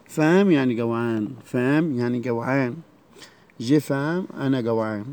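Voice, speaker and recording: An Egyptian-accented man teaches a French lesson to schoolchildren. He drills every verb form slowly and says it again and again. His pitch sits mid-range for a man. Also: a little mellow. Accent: Egyptian Arabic. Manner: slow, repeated drilling of words. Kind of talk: classroom lesson.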